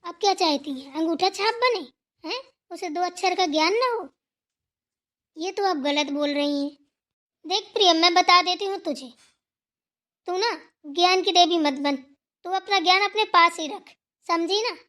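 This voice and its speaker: A woman's voice: very high-pitched, normal speed, pauses often, sharp tone. A woman voicing a quarrelling family in a cartoon drama, with a scolding manner. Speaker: narrator voicing all characters.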